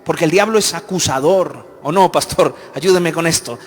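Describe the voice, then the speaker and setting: A pastor preaching at a Bible study in a fervent, emphatic way, turning to others on stage. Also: male voice, a little high, normal speed. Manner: fervent, emphatic, acts out quoted voices. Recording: reverberant hall with faint music.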